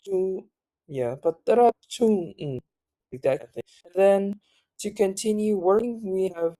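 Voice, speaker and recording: A tired tutor walks through a language lesson at an unhurried pace. The voice is mellow and a little dark, recorded dry and close. The talk stops and restarts often, with fillers and self-corrections. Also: medium pitch, animated, no room sound. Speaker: language teacher. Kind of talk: casual spoken lesson.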